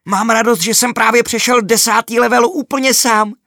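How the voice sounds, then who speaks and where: An eager young schoolboy from a storybook, voiced by a man reading aloud, jumping high above the narrator's pitch. The sound is dry and close. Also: animated, a bit bright, no echo.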